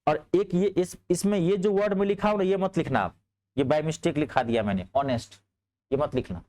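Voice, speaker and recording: A man teaching a grammar class in speech, asking his students checking questions and answering them himself. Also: normal speed. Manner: lively, rising on questions and dropping low on answers.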